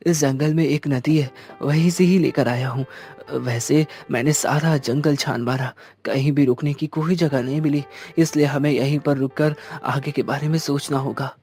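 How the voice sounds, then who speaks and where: A man's voice: mid-range voice, fairly even intonation, moderate pace, a little mellow, faint music behind, lightly acted. Humble, tired young dad, plain and earnest, played by a man. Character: humble young village father, weary.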